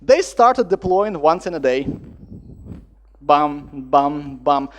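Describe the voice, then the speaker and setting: Male conference speaker, higher voice, animated storyteller. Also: takes it slowly. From Latvia. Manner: lively storytelling with acted-out dialogue and non-native phrasing. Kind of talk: conference talk.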